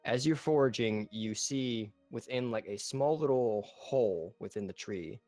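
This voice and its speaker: A man's voice: mid-range voice, unhurried, warm tone, no echo, faint music behind. A man running a tabletop game over voice chat, narrating in a loose, casual way with restarts and fillers. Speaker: game master. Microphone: online voice chat.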